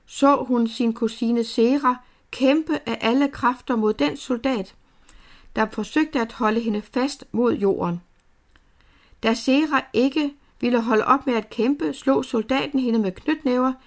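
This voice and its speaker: A woman narrating a novel aloud in a steady, measured storytelling manner. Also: a little high. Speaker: audiobook narrator.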